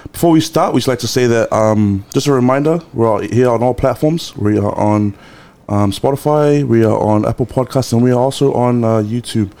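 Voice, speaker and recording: A man hosting a podcast, talking casually with many pauses and fillers. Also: medium pitch, warm tone. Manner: hesitant, lots of fillers, friendly slang. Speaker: podcast host. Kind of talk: casual chat.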